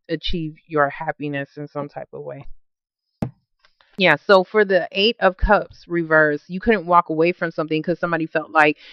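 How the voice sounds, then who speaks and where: A woman's voice: low-pitched, smooth, no echo. A woman giving a casual tarot card reading, blunt and talkative, swearing freely and often stopping to correct herself. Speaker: tarot reader. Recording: dull lo-fi dry recording.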